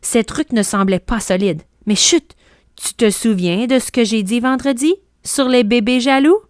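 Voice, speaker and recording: A woman voicing a kind, playful schoolteacher who speaks in a hushed, confiding way. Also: on the high side, normal speed, no room sound, clean studio sound, close to an everyday voice.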